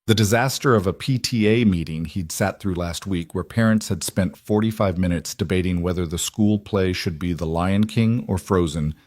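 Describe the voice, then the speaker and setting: A man narrates a scripted story in a measured, even delivery. His voice is low, and the recording is dry and close with no room sound. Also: no echo.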